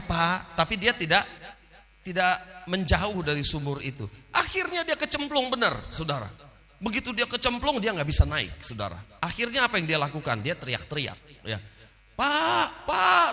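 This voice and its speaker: A male pastor preaching a sermon into a microphone, animated and constantly addressing the congregation directly. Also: high-pitched. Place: church hall. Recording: long reverb in a church hall.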